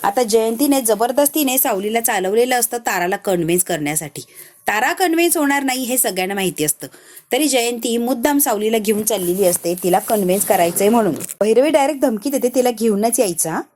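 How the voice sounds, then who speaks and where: A woman tells a serial's plot in a casual, chatty recap. Her voice is slightly high yet mellow and warm. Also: quick pace, slight background noise. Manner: chatty, animated retelling.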